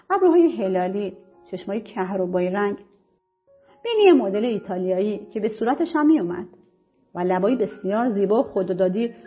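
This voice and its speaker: A woman narrating an audiobook story in the first person, lively and conversational. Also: mid-range voice. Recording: muffled lo-fi recording with faint music. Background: faint music.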